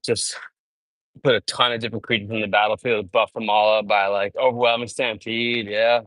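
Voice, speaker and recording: A man's voice: lowish voice, moderate pace, no echo, poor audio. A man chatting casually on a live stream while walking on a treadmill, telling stories full of "bro" and "dude". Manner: animated storytelling, peppered with "bro" and "dude". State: sweating from exercise.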